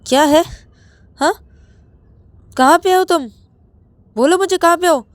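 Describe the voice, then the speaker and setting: A woman voicing a jealous young man who shouts and fires accusing questions at his boyfriend. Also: medium pitch, steady tone, moderate pace, gravelly, no echo, natural voice. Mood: furious, accusing.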